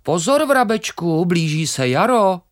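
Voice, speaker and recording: A reader voicing a small, patient, wise grain of wheat in a children's story, talking calmly and reasoning gently. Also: medium pitch, voice pushed up, lightly acted. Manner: calm, reasoning, gently coaxing.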